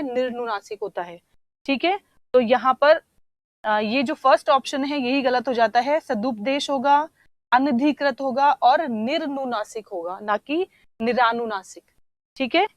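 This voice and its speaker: A woman teacher with a slightly high voice walks through exam questions at a steady, patient pace, repeating key words and checking in often. The sound is dry and close to the mic. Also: no room sound. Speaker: Hindi teacher. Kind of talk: online exam-prep lesson.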